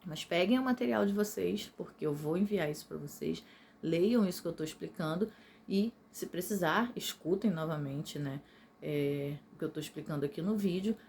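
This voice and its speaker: A woman's voice: on the low side, normal speed, gravelly, a little mellow, slight background noise. A woman teacher with a Brazilian accent, patiently explaining a recorded video lesson to ninth graders and often checking in with her listeners. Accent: Brazilian Portuguese.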